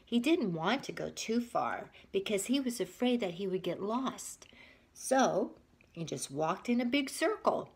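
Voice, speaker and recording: Husky and mid-range, this woman's voice belongs to a teacher reading a children's picture book aloud. She reads expressively and breaks off to chat with her young listeners, asking them questions along the way.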